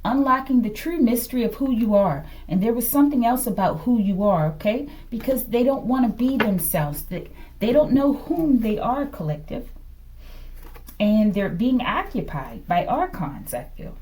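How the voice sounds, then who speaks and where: On a low-quality recording, a woman with a fairly high, darkish voice and big pitch swings gives a tarot reading at normal speed. As the host, she thinks out loud in short, murmured fragments, repeatedly checking in with a questioning "okay?".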